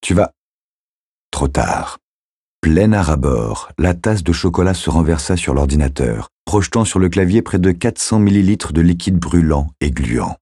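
A man reads a novel aloud in a measured, steady storytelling manner. His voice is extremely deep, dark and husky. He sits close to the mic in a dry, dead booth. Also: no room sound. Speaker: audiobook narrator. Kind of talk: scripted narration.

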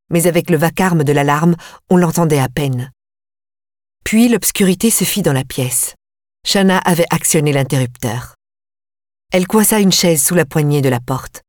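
A woman reading a novel aloud in the first person, in a measured and steady way. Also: sits low, dry recording, studio quality. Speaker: audiobook narrator.

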